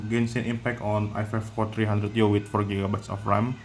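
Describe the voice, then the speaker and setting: A man giving casual gameplay commentary from home, talking in a halting way with loose phrasing and many pauses. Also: lowish voice, level tone. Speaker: gameplay video maker. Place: at home with a cat nearby. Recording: noisy background hiss.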